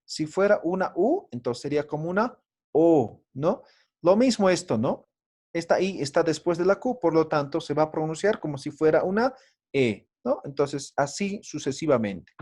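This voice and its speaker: A man's voice: fairly high pitch, lively intonation, normal speed, darkish tone. A man teaching a language lesson in an online class, patient and explanatory, often checking in with his students with short tag questions. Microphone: video call.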